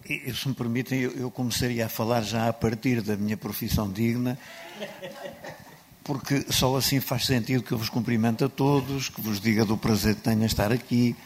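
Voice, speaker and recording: A man's voice: mid-range voice, steady tone, normal speed, a little hiss or hum. An older man with a European Portuguese accent speaking as a guest author on a panel, eloquent, formal and dryly ironic.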